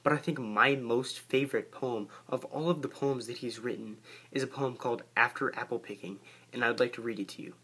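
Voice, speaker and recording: An excitable young man talks about poetry with eager energy, stumbling and restarting as the ideas come. His voice is husky and sits at a middle pitch. He reads aloud in a quieter, lower tone. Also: fairly quick. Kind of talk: casual talk and poetry reading.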